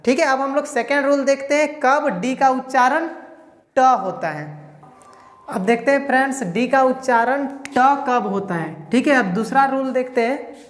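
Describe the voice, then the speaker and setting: A woman with a fairly high voice teaches English pronunciation, walking through each rule step by step and answering her own questions as she goes. Her voice rings out in a room with a long, echoing reverb. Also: normal speed. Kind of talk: pronunciation lesson.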